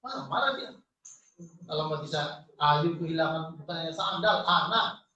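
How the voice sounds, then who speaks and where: A man preaching a lively, joking sermon to his congregation, calling out to them. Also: on the high side, moderate pace, dull audio. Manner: lively, jokey preaching with congregation call-outs. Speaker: pastor. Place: church hall. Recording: echoey church hall from far off.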